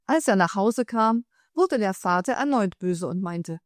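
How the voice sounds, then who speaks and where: A woman narrating a fairy tale in calm, measured storytelling. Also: mid-range voice, no echo, studio quality.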